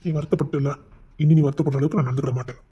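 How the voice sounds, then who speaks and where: A woman acting as a devoted young husband who teases his wife and then pleads his love in a soft voice. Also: deep voice, steady tone, rapid-fire, very noisy, natural voice. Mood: tender. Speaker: actor in a romantic couple skit. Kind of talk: acted romantic dialogue.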